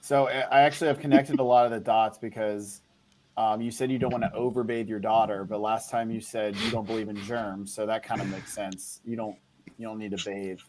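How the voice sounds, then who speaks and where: A man's voice: lowish voice, fairly even intonation, brisk, darkish tone, a little hiss or hum. A man on a livestream panel, teasing another panelist and insisting on making his point. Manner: teasing, interrupting to make points. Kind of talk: casual chat.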